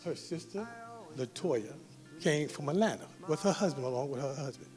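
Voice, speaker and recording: Middle-aged man, father of the bride, effusive and emotional toast, higher-pitched voice, music underneath. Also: animated, moderate pace. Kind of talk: wedding speech. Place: wedding reception hall. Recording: music in the background. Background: music playing.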